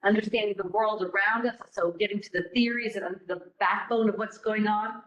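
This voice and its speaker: A middle-aged program director gives students an informal, encouraging talk in a classroom with a live audience, asking lots of rhetorical questions. She has no mic on, so it's a rough room recording; her medium-pitched voice is fairly bright and even, a little fast.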